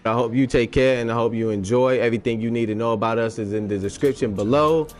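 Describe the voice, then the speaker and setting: A man's voice: medium pitch, fairly even intonation, fast talker. Casual male gamer reacting with jokes. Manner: loose, joking reactions. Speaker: gaming channel host. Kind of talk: casual let's-play commentary.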